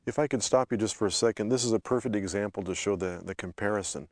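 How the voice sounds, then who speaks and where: A North American man hosting a language lesson, explaining pronunciation in a clear, steady teaching tone. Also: lowish voice, quick pace, no room sound, clean studio sound.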